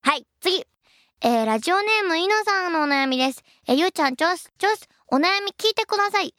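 A young woman in her twenties hosting a radio show, reading listener letters and answering them in a chatty, playful way, her voice a little husky. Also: extremely high pitch, fast, no echo, studio quality. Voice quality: a bit husky, by her own account. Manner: lively, chatty and playful, laughs at her own slips.

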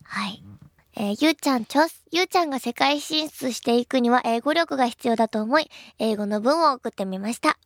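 Young female radio host, bright high voice, chatty and self-mocking, dry close studio mic. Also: fairly quick, few pauses, no echo. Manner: chatty, bubbly and self-deprecating. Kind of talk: casual radio talk reading listener mail.

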